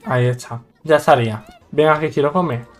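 A man's voice: a little high, a little fast, soft background music. A man from Spain with a Spanish accent gives joking, exclamatory let's-play commentary on a game and laughs often. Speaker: gaming YouTuber.

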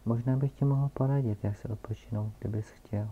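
A man reading a gentle curious little prince. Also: medium pitch, steady tone, a little hiss or hum, lightly acted. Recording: dull lo-fi recording.

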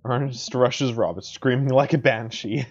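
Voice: medium pitch, normal speed, slightly rough. Casual game narrator, dull lo-fi sound. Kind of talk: reading visual novel narration aloud, casual. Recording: dull lo-fi audio with music behind.

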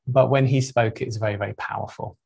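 A middle-aged man, a spiritual teacher, speaking to a group in an unhurried, reflective way with frequent pauses and 'um's. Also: fairly low pitch, steady tone, creaky, a little mellow, breathy edge.

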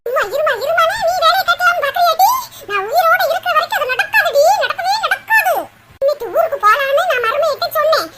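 A performer voicing a bossy, taunting older mother-in-law in a cartoon, with loud clicking noise behind the voice. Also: extremely high pitch, quick pace, hardly any pauses. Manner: taunting, boastful.

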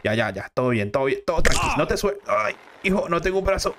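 A man voicing a calm father who keeps reassuring his son in a slow, low voice. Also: creaky, background noise. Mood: soothing. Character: calm soothing father Roberto.

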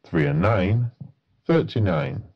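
A man calls bingo numbers in a formulaic, matter-of-fact way. His voice is husky and swings noticeably in pitch as he goes at a slow pace. The sound is a little dull and lo-fi. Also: sing-song. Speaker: bingo caller. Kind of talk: bingo calling, each number announced in a set phrase.

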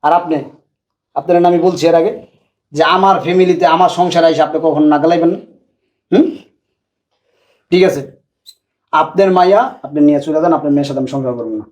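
A brash young husband spits out insults in quick, raised tirades, played by a man. His voice sits rather high and races along. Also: darkish tone, muffled recording, lightly acted. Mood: angry. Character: young husband, rude and hot-tempered. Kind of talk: Bangladeshi short drama acting.

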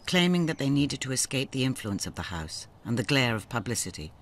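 A man narrating a documentary in a measured, ominous scripted read. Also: mid-range voice, very animated.

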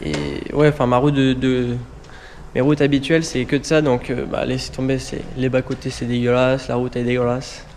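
A man's voice: medium pitch, little pitch movement, normal speed, a little mellow, slight background noise. A man casually explaining a car repair to his viewers, chatty and full of fillers, talking outdoors while it rains. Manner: chatty, filler-heavy, addresses viewers directly. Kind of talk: casual how-to vlog talk.

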